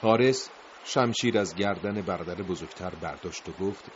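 A man's voice: sits low, slight background noise. A man narrating a dramatic story in a grave, emotive voice, in a dull lo-fi recording.

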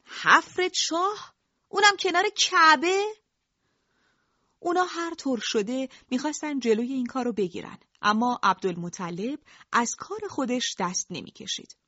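A woman narrating a story in a calm, colloquial storytelling manner. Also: mid-range voice, dry recording, lo-fi sound.

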